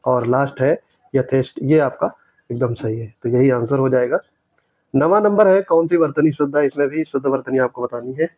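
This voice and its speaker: A man works through exam questions one by one as a teacher, correcting each answer and repeating the right word slowly. His voice sits at an everyday middle pitch. The recording is dry and a little dull and lo-fi. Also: dry recording. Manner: explains step by step, repeats corrected words slowly.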